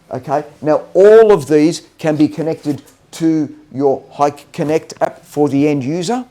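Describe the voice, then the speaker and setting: Pitched on the higher side with a warm tone, this man's voice leads a technical product training session. He speaks haltingly and keeps stopping to confirm the audience is following along.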